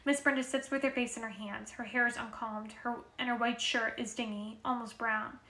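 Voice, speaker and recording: A woman's voice: a little high, steady tone, normal speed, bright, forceful tone. A woman reading a novel aloud in a casual way, with occasional restarts. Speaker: reader. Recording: roomy echo.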